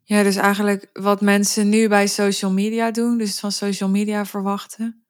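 A woman's voice: mid-range voice, level tone, moderate pace, no echo, clean studio sound. A woman co-hosting a podcast, chatty and inquisitive, retelling what she read. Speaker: podcast co-host. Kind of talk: casual podcast conversation.

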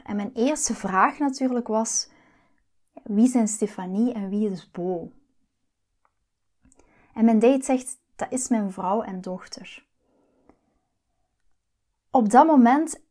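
A woman, hosting a podcast and telling a personal story in an earnest, confiding way that often turns hushed and breathy. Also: fairly high pitch. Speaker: podcast host and love coach.

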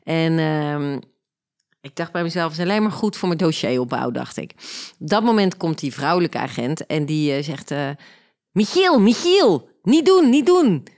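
A woman with a Flemish accent, hosting a podcast and telling a personal story in an animated, sarcastic way. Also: sits low, moderate pace. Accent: Flemish Belgian. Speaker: podcast host. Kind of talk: casual storytelling.

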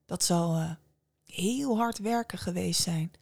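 A woman voicing a wise old witch who talks softly and matter-of-factly in a storybook tale. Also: fairly low pitch, gravelly, no room sound, clean studio sound, exaggerated voice. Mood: calm. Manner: soft, unhurried, matter-of-fact. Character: wise old female witch, calm, knowing.

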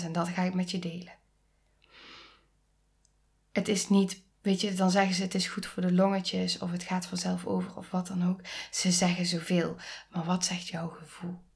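A woman in her thirties hosting a podcast, speaking earnestly and intimately, often dropping into soft near-whispers and rising to emphatic pleas. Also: on the low side, creaky. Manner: rises to emphatic, pleading tones. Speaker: podcast host. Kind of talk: reflective podcast monologue.

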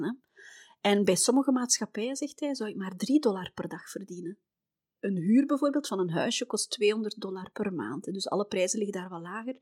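A middle-aged Flemish woman from Belgium hosting a podcast, telling personal travel stories in a chatty way, often dropping to a soft near-whisper. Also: mid-range voice, no room sound, studio quality. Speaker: podcast host.

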